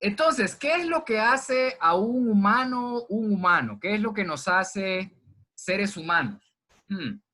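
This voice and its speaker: A man teaching a zoology class by video from home, talking to his students in a relaxed, conversational way and answering his own questions. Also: sits high, slow. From Honduras. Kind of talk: recorded online class lecture. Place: indoors at home during heavy rain. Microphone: computer microphone.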